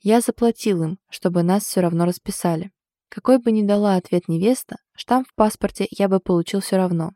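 A woman's voice: medium pitch, fairly quick, dark tone, no room sound, natural voice. A woman reading the lines of a fond, ironic husband in an audiobook. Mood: wry fond. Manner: dry, ironic, affectionate. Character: teasing husband, a man, fond and wry.

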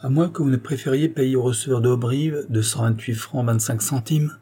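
A man's voice: medium pitch, fairly even intonation, normal speed, warm tone, breathy edge, lightly acted. A man reading an impassive gendarme sergeant in an audiobook, formal and matter-of-fact.

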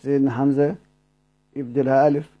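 A man with an Egyptian Arabic accent teaching Quran recitation, explaining a poem line by line, asking the class questions and slowly repeating words. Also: mid-range voice, flat delivery, muffled recording.

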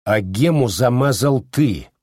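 A man's voice: medium pitch, animated, slow, dark tone, husky, no room sound, studio quality. A man voicing a blunt, accusing male officer in an audiobook. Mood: angry.

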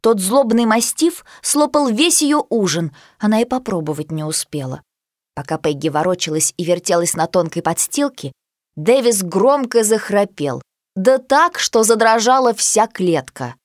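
A woman's voice: medium pitch, lively intonation, moderate pace, dry recording, studio quality. Woman reading a children's storybook. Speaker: narrator.

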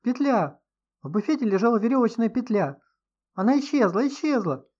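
A man doing a shrill panicky young woman. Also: sing-song, normal speed, fairly bright tone, muffled recording. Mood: shrieking. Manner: shrieking, high-strung.

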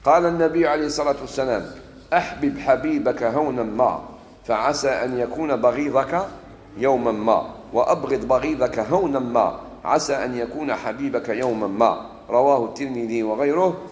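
A man with an Algerian accent preaching a sermon, moving between solemn scripture recitation and lively everyday dialect. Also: medium pitch, normal speed, echoey room, big-room sound. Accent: Algerian Arabic. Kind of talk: sermon mixing classical Arabic and dialect.

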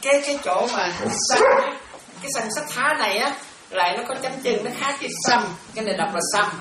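A woman's voice: a little high, quick pace. Woman, monastic teacher at a dharma class; repetitive, checks understanding; distant, roomy, noisy recording. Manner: repetitive, keeps checking if students follow. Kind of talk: dharma class explaining Pali terms. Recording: echoey room from far off, ambient noise.

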